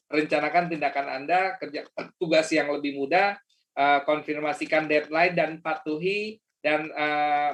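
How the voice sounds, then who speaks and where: A man's voice: on the high side, a bit bright. A man giving a casual motivational webinar talk as a coach, chatty and full of fillers and restarts. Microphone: video call.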